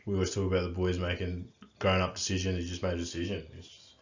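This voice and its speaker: A man co-hosting a casual rugby chat, relaxed and rambling with many fillers. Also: low-pitched, quick pace. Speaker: rugby coach and podcast co-host. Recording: echoey room, dull lo-fi sound.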